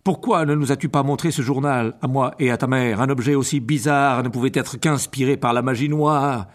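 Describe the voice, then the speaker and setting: A man reading an audiobook, voicing a stern, worried father wizard who scolds loudly. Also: medium pitch, steady tone, a little fast, close to an everyday voice. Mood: scolding.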